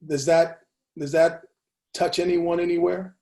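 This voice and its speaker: A man leading a book discussion over a video call, speaking deliberately with frequent pauses and fillers. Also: a little high, level tone, gravelly, dark tone. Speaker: discussion leader.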